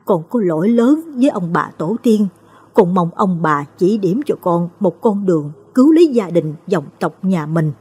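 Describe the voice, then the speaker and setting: Storybook figure: a sorrowful old mother-in-law, husky and lamenting, with a swooping voice, read by a woman narrator. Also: lowish voice, expressive, normal speed, warm tone. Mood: solemn. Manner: lamenting, heavy-hearted.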